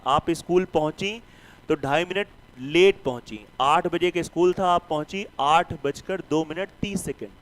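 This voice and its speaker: A man's voice: on the high side, slight background noise, low-quality recording. A man teaching a math class, who teases and scolds his students and keeps asking them questions. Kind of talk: classroom lecture.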